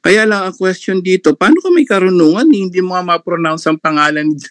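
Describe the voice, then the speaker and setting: A man's voice: high voice, lively intonation, brisk, no echo. A man commenting on a religious debate on an online live panel, mocking and laughing often between remarks.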